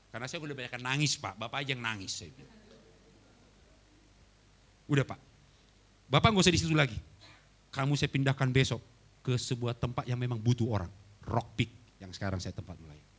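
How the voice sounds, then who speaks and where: In a church hall, a Batak man of medium pitch delivers a sermon as a pastor. He tells a personal story animatedly, swinging from loud outbursts to quiet asides.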